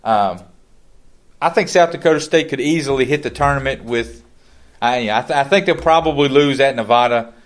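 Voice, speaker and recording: A man's voice: mid-range voice, moderate pace. A man co-hosting a podcast in casual chat, talking in a rambling way with frequent restarts. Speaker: podcast co-host.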